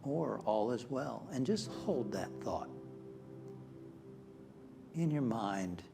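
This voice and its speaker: A man leading a spiritual guided meditation in a calm, measured manner with long pauses. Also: mid-range voice, vocal fry. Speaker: meditation leader. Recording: music behind the voice. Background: instrumental music.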